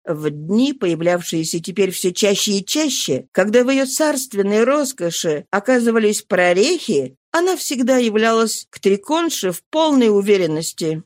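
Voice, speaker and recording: Expressive woman audiobook narrator. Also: mid-range voice, no room sound, studio quality.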